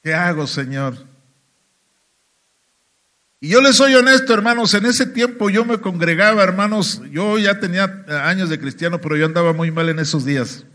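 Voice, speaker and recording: A man's voice: high-pitched, steady tone, a little fast, few pauses, a bit bright. A man with a Mexican accent preaching a sermon testimony in a church, talking emphatically and often turning to the congregation. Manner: emphatic, keeps addressing "hermanos".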